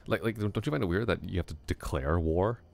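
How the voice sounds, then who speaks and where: Speaking fairly quickly with vocal fry, a man uses an extremely deep, low voice to play a chatty young male classmate in an ASMR roleplay. He rambles softly and thoughtfully to the listener, musing aloud with little chuckles.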